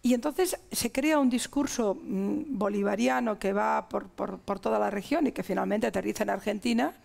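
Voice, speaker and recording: Emphatic Spanish woman with a gravelly voice. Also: mid-range voice, moderate pace, a little mellow. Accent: Spanish (Spain). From Spain. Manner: emphatic, listing ideas in long chains. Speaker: guest. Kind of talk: TV interview.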